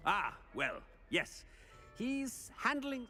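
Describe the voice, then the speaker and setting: A pompous headmaster for a video game, a petty tyrant who blusters and dismisses everyone. The pitch sits high for a male and swoops wildly. The tone is sharp and forceful, with faint music behind. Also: wildly swooping pitch, very slow, exaggerated voice. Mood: flustered bluster. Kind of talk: theatrical video game acting.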